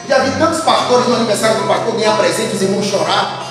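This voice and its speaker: Man preaching a sermon, loud then soft, big echoey church hall with music going. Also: sits high, quick pace, distant mic. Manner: swings between loud preaching and quiet storytelling. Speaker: pastor. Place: church sanctuary.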